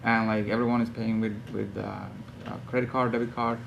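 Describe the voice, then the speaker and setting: A man's voice: fairly low pitch, level tone, moderate pace, gravelly, muffled recording, a little hiss or hum. A young man from Norway, an audience member, speaking hesitantly and searching for words. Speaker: audience member asking a question.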